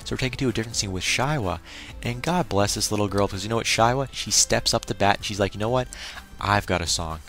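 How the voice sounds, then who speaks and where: Male anime reviewer with a slightly low voice for a casual recap, exclaims his opinions. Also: fast talker, fairly bright tone, faint music behind.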